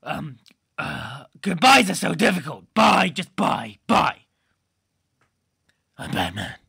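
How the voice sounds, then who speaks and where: A man doing a goofy, laddish superhero for a comic podcast, with a gravelly, rasping voice pitched high and bright. The talk rambles along and keeps bursting into excited shouts. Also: slow, full character voice. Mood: rambling. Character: goofy laddish male superhero chatting about TV.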